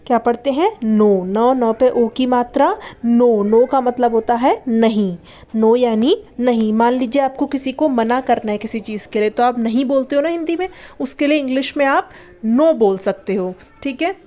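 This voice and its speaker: Young woman, patient beginner-lesson teacher, slightly high voice, spells words slowly. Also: warm tone. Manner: patient, spells words letter by letter, asks and answers own questions. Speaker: English teacher. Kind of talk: spoken language lesson.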